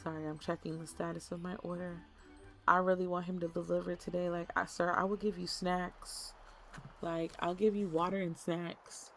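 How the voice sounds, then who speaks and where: A young woman chatting casually while streaming a game, animated and playful, slipping into put-on as she talks. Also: on the low side, a little fast, faint music behind.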